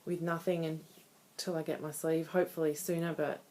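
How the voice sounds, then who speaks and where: Low-voiced woman in her thirties, candid vlogging. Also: level tone, normal speed, warm tone. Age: 30s. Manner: candid, conversational. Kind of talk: casual personal video diary.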